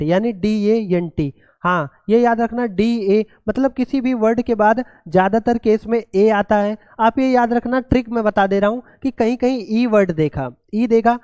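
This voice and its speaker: A man's voice: sits high, darkish tone, smooth, no echo. A male teacher giving an exam-prep grammar lesson, often calling his students "children" and spelling words letter by letter.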